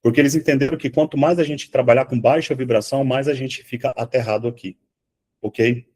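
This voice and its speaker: A man teaching an online spiritual class from home, swinging from hushed remarks to loud outbursts and swearing freely. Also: mid-range voice, steady tone, brisk.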